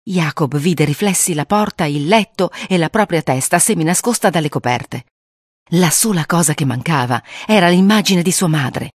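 Expressive storybook reader, dry close sound. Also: mid-range voice, moderate pace, dry recording. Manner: expressive, acts out the voices. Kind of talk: storybook read aloud.

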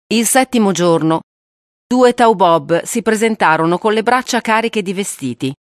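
A woman reading a novel aloud in a steady, grave audiobook narration. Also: mid-range voice, no room sound, studio quality.

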